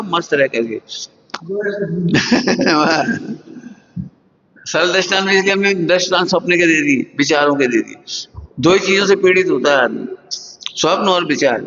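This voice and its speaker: A Jain spiritual teacher delivers a plain-spoken sermon in a high, sharp voice, quizzing his listeners and reaching for everyday examples. It's a dull lo-fi hall recording with a bit of hiss or hum.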